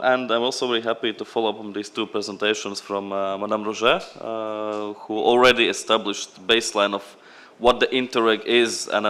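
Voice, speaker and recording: Lower-voiced man. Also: pushed and bright. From Latvia. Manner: loose, unscripted delivery. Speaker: program representative at a conference. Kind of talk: conference presentation.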